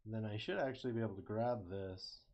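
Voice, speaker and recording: Relaxed young man talking through CAD steps. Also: fairly low pitch, a little fast. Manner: relaxed, thinks aloud, self-corrects, light jokes. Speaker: engineering student. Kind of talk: casual screen-recorded CAD walkthrough. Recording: slightly muffled lo-fi mic.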